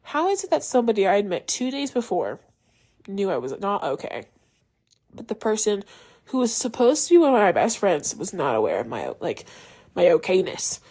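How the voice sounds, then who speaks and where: A woman's voice: mid-range voice, very animated, moderate pace, darkish tone, breathy edge. A young adult woman hosting a podcast, telling a personal story in a casual, chatty way with many fillers. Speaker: podcast host.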